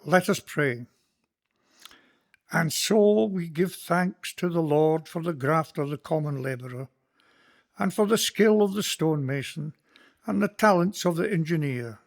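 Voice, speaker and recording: A Scottish actor plays a kindly, earnest Presbyterian minister in a community radio play. His male voice sits a little high, and he speaks in a measured, sermon-like, prayerful way.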